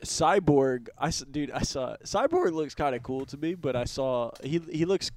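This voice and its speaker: A man co-hosting a podcast in casual chat, relaxed and loose, saying "dude" often and trailing off in fillers. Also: on the high side, normal speed. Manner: laid-back, says "dude" a lot, trails off with fillers. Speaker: podcast co-host.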